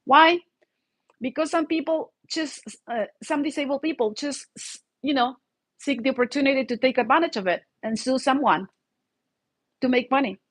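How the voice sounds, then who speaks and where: A high-voiced woman from Mexico, a native Spanish speaker with a Mexican accent, hosts an informal solo vlog. At a moderate pace she rambles conversationally, often checking whether viewers agree.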